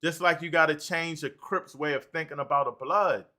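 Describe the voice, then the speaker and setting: A man hosting a livestream, reading out and answering chat comments in an animated way. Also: fairly high pitch, moderate pace. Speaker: livestream host.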